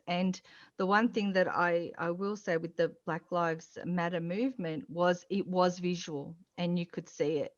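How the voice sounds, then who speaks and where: Low-voiced Australian woman on a muffled headset. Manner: lively, mimics others in asides. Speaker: panelist. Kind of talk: video panel discussion.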